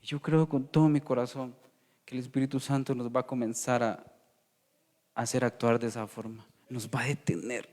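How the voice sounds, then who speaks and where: A man with a Guatemalan Spanish accent preaching a sermon, calling his listeners "hermano" and moving between loud emphasis and hushed asides. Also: medium pitch, flat delivery, brisk, long reverb tail.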